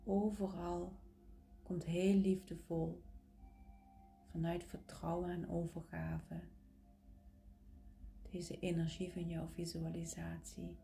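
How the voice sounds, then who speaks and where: A woman leads a guided relaxation in a mellow, slightly low voice that stays very even. She is soft and partly whispery, intimate, as if right in the listener's ear. Her soothing phrases come with gentle pauses. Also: creaky, soft background music. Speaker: guided meditation leader.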